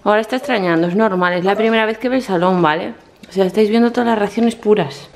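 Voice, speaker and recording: A woman's voice: medium pitch, fast, a little mellow, a little hiss or hum. A woman from filming a casual home vlog, cooing and gushing in baby talk at her pets and child. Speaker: vlogger. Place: home living room.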